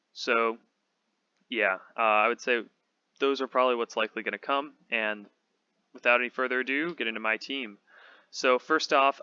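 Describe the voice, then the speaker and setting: A man with a slightly hoarse voice, casually thinking aloud as he talks through a game team build. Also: mid-range voice, pushed and bright, dry recording, lo-fi sound. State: slightly hoarse, losing his voice. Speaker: competitive Pokemon channel host.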